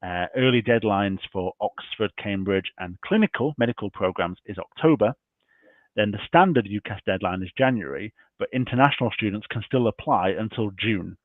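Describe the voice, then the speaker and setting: A man's voice: on the low side, normal speed, dry recording. Man losing his voice on a tinny call. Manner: explanatory, walks through slides point by point. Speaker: university admissions representative. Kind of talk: online information session presentation. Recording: tinny dry call audio.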